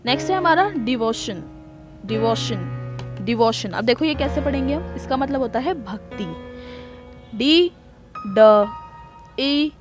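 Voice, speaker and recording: A woman's voice: high-pitched, lively intonation, measured pace, pauses often, over music. A woman with an Indian accent teaching English word meanings, spelling words out sound by sound in a patient, chatty way. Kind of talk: casual spoken lesson.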